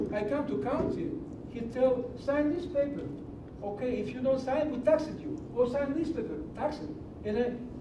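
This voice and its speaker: A middle-aged man, speaking broken English in a passionate, preachy public comment at a county meeting. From Greece. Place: large meeting hall. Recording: echoey hall from far off with low rumble.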